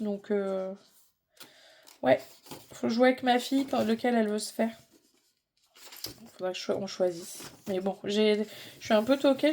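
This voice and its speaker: A woman's voice: mid-range voice, warm tone, a little hiss or hum. A middle-aged woman chatting casually in a hobby vlog, informal and rambling as she thinks aloud. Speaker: vlogger.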